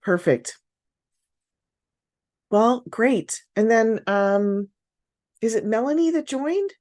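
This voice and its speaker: A woman's voice: a little high, animated, takes it slowly, a little mellow. A woman in her fifties, a business coach hosting an online workshop on a video call, upbeat and encouraging. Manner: upbeat, encouraging, frequent praise.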